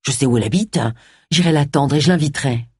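A woman's voice: sits low, fast, a little mellow, husky, dry recording, studio quality. A woman voicing a stubborn, lovesick man in an audiobook. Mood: earnest. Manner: stubborn, earnest.

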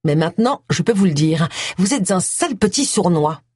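Grumpy sharp-tongued lady sleuth, read by a woman narrator, blunt, breathy, dry mic. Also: lowish voice, lively intonation, moderate pace, no room sound. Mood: acerbic. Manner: acerbic, blunt.

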